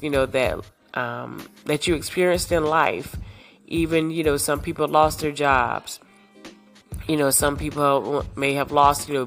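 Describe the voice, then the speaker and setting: A woman hosting a podcast, her voice congested from sinus trouble, giving reassuring words in a casual monologue full of fillers. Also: low-pitched. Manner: warm, reassuring, many fillers. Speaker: podcast host.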